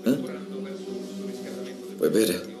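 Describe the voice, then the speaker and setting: An actor playing a menacing, leering abusive husband in a naturalistic film drama. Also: male voice, very slow. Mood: quietly menacing.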